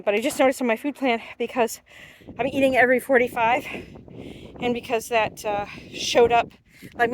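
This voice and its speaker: Woman, higher-pitched, casual trail vlogger talking while running, unscripted and chatty; slightly noisy outdoor handheld sound. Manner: chatty, unscripted, thinking aloud. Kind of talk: casual selfie vlog check-ins.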